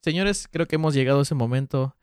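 A man's voice: mid-range voice, fast, darkish tone, clear, resonant tone, no echo, clean studio sound. A man co-hosting a podcast, joking and swearing freely in casual chat. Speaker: podcast co-host.

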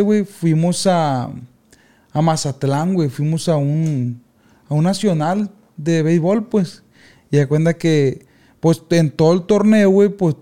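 Young man, high voice, dark mellow tone, slangy animated storytelling. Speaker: podcast co-host. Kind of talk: casual storytelling chat.

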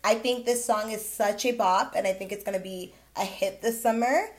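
A young woman in her twenties co-hosting a podcast, upbeat and slangy, with quick little responses. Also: medium pitch, steady tone. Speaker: podcast co-host. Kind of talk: casual chat.

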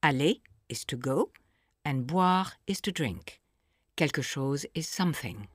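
Slow, low-voiced woman teaching French. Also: lively intonation, no room sound, clean studio sound. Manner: slow, clear teaching delivery with pauses for repetition. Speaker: language course narrator. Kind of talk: scripted audio lesson narration.

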